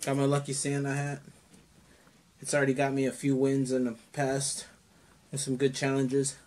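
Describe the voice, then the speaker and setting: A man's voice: medium pitch, normal speed. A man in his thirties chatting casually and playfully as he hosts a challenge video at home, picked up by a camera across a table. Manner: excitable, playful. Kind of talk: casual joking vlog chat. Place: small home room, indoors.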